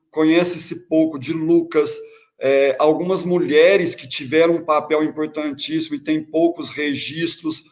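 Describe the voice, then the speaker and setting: A man hosting an online spiritist talk, reflective, often ending thoughts with a questioning "né". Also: fairly high pitch. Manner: reflective, many tag questions. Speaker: host.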